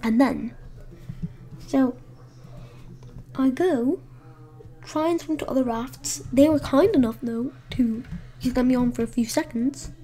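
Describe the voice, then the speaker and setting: A woman's voice: high-pitched, a little slow, long pauses, warm tone, slight background noise. A woman telling a casual storytime at home, rambling and swearing, sometimes dropping to a whisper. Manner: rambling and profane, with many fillers. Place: home room with someone asleep nearby.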